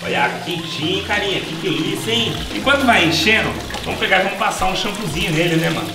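Speaking fast and with a lot of animation, this high-pitched young man has a Brazilian accent. He's doing a laid-back vlog, using slang as he talks to viewers and to his dog, with loud music in the background.

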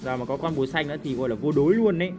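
A man doing lively, teasing commentary over his own gameplay, with mouth sound effects and sudden shouts. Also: on the high side, racing, over music. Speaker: gaming YouTuber. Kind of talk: live game commentary.

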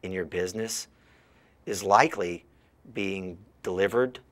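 A middle-aged man speaking for a tech company in an interview, in a measured, explanatory way. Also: sits low, a bit bright. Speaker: company spokesman.

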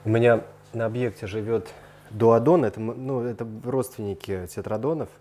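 A warm, mid-range male voice with fairly even intonation and a moderate pace guides viewers around an indoor room of large aquariums. He's the series host, keeping things informal, slangy and upbeat, though noticeable background noise is present.

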